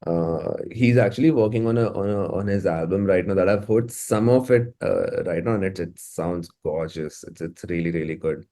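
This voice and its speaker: In a relaxed interview about his work as a musician, this Indian-accented man speaks in a low, mellow voice at a moderate pace with few pauses. His manner is informal, and he frequently repeats words as he figures out what to say.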